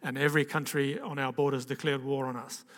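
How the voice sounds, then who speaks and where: A long reverb tail follows this older man's mid-range voice, which is flat in delivery, a little fast and fairly bright. He's from Zambia and Zimbabwe and tells a gathering his personal story informally, wandering, restarting, and frequently checking in with "okay?"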